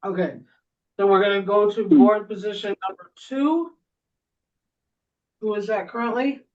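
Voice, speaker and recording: Woman chairing a public board meeting, halting with fillers, heard from across the room on a dull mic. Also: medium pitch, a little mellow. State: throat lozenge in mouth. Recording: muffled distant room mic.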